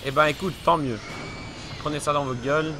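A young man, still a little ill, commenting on his gameplay with frequent swearing and frustrated shouts. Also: a little high, fairly even intonation, a little fast, background noise. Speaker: let's play gamer. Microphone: desk mic. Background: game music.

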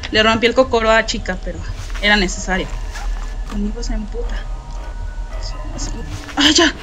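A woman's voice: a little high, normal speed, music in the background, rough recording. A young Mexican woman with a Mexican Spanish accent, doing frightened horror game commentary full of swearing, nervous laughter and shrieks. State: scared and shaky. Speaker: gameplay streamer.

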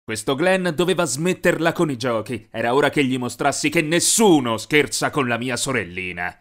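Lively male narrator of an animated story. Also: medium pitch, normal speed.

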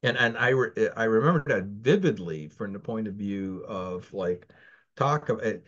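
Speaking in a somewhat low, slightly bright voice with lively intonation and a moderate pace, a man in his sixties who grew up in the Philippines talks with an American accent. As a guest in a casual interview from home with a virtual background, he rambles through stories with lots of fillers and restarts. The sound is the muffled, lo-fi audio of a video call.

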